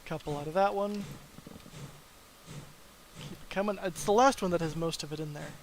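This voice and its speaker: Casting: young male dev streamer, slightly high voice, loose and rambling, light hiss behind. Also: moderate pace, low-quality recording. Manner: rambling, filler-heavy, tired. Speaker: mod developer streamer. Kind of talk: casual live stream chat.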